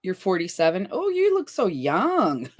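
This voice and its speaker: A woman's voice: medium pitch, huge pitch swings, measured pace. A woman in her fifties hosting a casual livestream chat, reading viewers' comments aloud. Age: 50s. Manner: chatty, reads viewer comments aloud with laughs. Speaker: livestream host.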